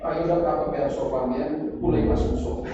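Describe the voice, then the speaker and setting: A man with a Brazilian Portuguese accent teaching a course, telling a personal testimony in a halting, emotional way with many repetitions. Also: fairly high pitch, fairly even intonation, background noise. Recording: dull echoey hall recording from far off.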